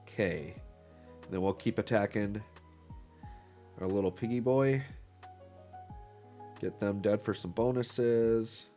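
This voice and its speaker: Slow-paced and pausing often, a man with a lowish, dark voice talks casually while playing a game for his channel, faint music behind him. He's cheerful despite a slight illness-induced stuffiness, and his speech is full of "um" and "right?".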